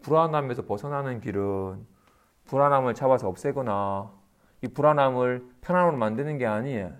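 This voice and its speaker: Smooth-voiced and fairly quick, a middle-aged Buddhist monk lectures on a sutra in a conversational style. He frequently checks in with his audience using tag questions and brings quoted speakers to life with lively pitch jumps.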